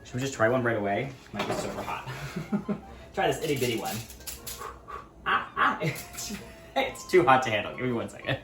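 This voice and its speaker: A man's voice: mid-range voice, animated, a little fast, pauses often, roomy sound, over music. A man hosting a casual cooking demonstration in a kitchen, upbeat and chatty, calling his viewers friends. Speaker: cooking video host.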